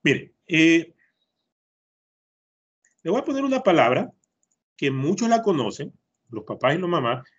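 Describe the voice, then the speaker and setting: A man's voice: a little high, very animated, a little slow, pauses often, breathy edge. A man with an Ecuadorian Spanish accent teaching an online English class to children, patiently repeating words to drill their pronunciation. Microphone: computer mic on a video call. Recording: muffled lo-fi video-call audio.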